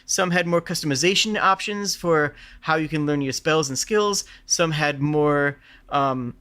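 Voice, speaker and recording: Bright, higher-voiced man giving animated game commentary. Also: a little slow, clear, resonant tone. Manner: emphatic, explanatory, rhetorical questions and self-quoting. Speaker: streamer reacting to game announcements. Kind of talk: live reaction commentary, analytical.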